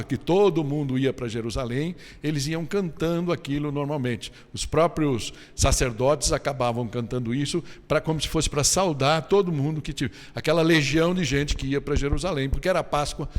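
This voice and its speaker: Brazilian pastor guy preaching, chatty, keeps asking "right?", long echo from the church hall. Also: on the high side. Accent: Brazilian Portuguese. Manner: conversational preaching with frequent tag questions. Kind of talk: sermon.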